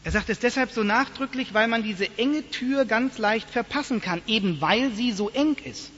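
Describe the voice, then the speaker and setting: A man preaching a sermon to his congregation in a church, telling stories in a lively, animated way. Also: very high-pitched, normal speed, breathy edge. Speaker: pastor. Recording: dull lo-fi sound, long church reverb.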